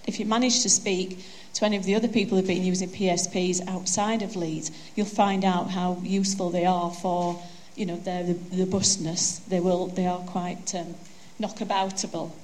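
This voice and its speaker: Speaking into a handheld mic at a conference, this woman has a broad Yorkshire accent and a medium-pitched voice with a darkish tone. Her presentation is chatty and full of jokes, often at her own expense.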